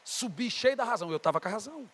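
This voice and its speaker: High bright-voiced Brazilian pastor preaching. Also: male voice, expressive, quick pace. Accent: Brazilian Portuguese. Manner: storytelling, voicing God and others in dialogue, rising to shouts. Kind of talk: sermon with acted-out dialogue.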